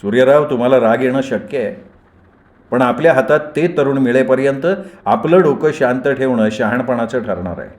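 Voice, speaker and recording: A man voicing a calm, firm male leader who reasons with angry companions in a storybook reading. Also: medium pitch, moderate pace, natural voice. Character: calm level-headed adult male leader Patekar. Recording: roomy echoey recording.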